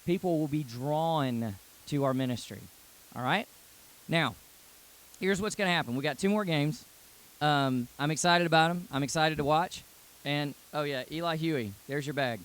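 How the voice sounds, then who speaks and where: A man, working as a youth pastor, addressing a youth group live. He is loud and energetic at first, then earnest and lower. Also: normal speed.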